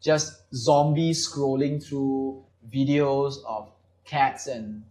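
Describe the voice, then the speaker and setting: Guy from malaysia hosting a chill panel podcast, lots of ums and uhs while he explains, mid-pitch. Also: steady tone, drawn-out words, mellow. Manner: rambling explainer with many fillers. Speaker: podcast host. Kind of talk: casual panel chat.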